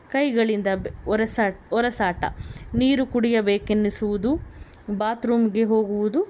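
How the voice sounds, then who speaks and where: A woman psychologist explains an emotional topic in a calm, measured talk. Her voice sits at an ordinary middle pitch, and she reads carefully, stopping now and then to restart a word. The delivery is steady and informative.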